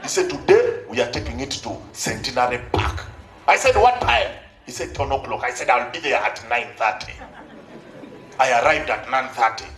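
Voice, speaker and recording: A man's voice: medium pitch, lively intonation, moderate pace, fairly bright tone. A man with a Ugandan accent telling a stand-up comedy story on stage, animatedly acting out dialogue with exclamations. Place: live comedy show on stage before an audience. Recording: echoey live stage recording, crowd noise.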